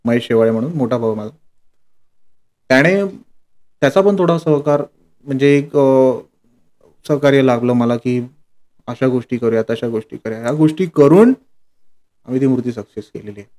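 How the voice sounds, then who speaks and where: A man's voice: mid-range voice, moderate pace, long pauses. A man talking casually as a guest on a podcast, easygoing as he tells stories from his workshop. He acts out what others said in short quoted exchanges. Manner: relaxed storytelling with quoted dialogue. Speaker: sculptor guest.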